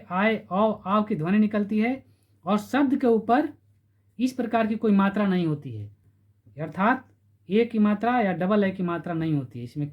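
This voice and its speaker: A man teaching a grammar lesson, repeating terms and stretching syllables slowly to spell them out. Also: high voice. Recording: dull lo-fi recording.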